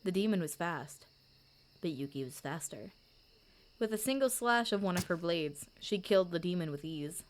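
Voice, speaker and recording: A woman narrating a fan-written story chapter with a steady, gentle delivery. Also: lowish voice, moderate pace, a little hiss or hum.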